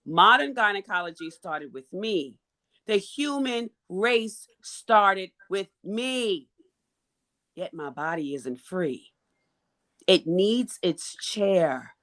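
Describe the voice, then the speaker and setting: A woman's voice: mid-range voice, expressive, slow pace, fairly bright tone. A woman on a video call, a panelist who performs a spoken-word poem and speaks with a rhythmic, emphatic delivery. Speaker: panelist, menstrual health advocate.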